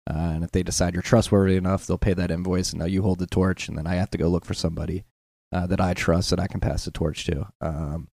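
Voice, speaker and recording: A man's voice: low-pitched, flat delivery, quick pace, vocal fry, darkish tone, no echo, studio quality. A man talking as a guest on a casual podcast, hesitant and self-deprecating, with plenty of fillers and restarts.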